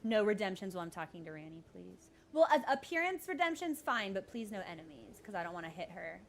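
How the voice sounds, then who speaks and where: A woman giving casual, jokey live commentary as she streams a game, speaking in an animated way and swearing freely. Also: medium pitch, quick pace, gravelly, slight background noise.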